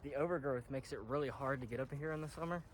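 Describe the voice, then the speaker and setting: A man's voice: medium pitch, fast. A man casually narrating as he explores abandoned houses, out of breath and rambling, swearing offhandedly. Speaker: urban explorer vlogger. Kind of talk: casual handheld exploring commentary. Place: abandoned houses in an overgrown ghost town. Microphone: action camera mic. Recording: noisy outdoor action-cam audio.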